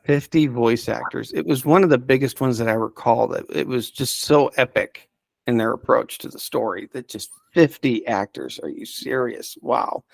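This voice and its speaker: A podcast guest, a man with a mid-pitched, creaky voice, recommends audio dramas in casual unscripted chat. He's keen but halting and rambling, pausing often to search for words, and the sound is close and dry with no room echo.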